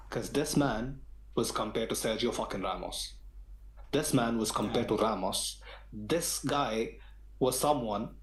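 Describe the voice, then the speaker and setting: A mid-pitched man on a football fan podcast rants emphatically in slangy language, heated throughout. The audio is poor and sounds roomy.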